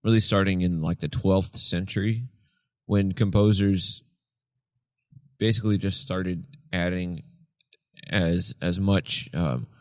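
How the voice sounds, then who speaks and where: Deep-voiced man explaining, tired voice. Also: fairly even intonation, slow pace, long pauses, darkish tone, dry recording, studio quality. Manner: explains at length, sings snippets of chant to illustrate. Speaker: podcast co-host. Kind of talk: casual chat.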